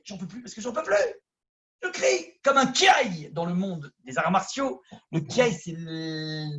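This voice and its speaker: A rabbi from France with a Parisian accent, giving a conversational lesson that swings from loud emphasis to hushed asides. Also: male voice, high-pitched. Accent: Parisian French. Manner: addresses listeners directly, conversational. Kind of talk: lively Torah lesson.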